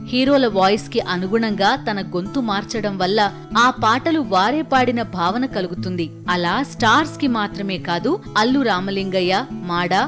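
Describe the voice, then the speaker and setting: A woman giving a formal, scripted documentary narration. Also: medium pitch. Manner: measured, formal storytelling delivery. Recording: narration over loud background music.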